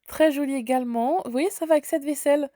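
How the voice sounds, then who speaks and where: A woman's voice: high-pitched, fast, warm tone, no room sound, studio quality. Chatty French woman with a cold. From France. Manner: chatty, enthusiastic, lots of fillers. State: slight head cold. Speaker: shopping vlogger. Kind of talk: casual shop walkthrough. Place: large store indoors.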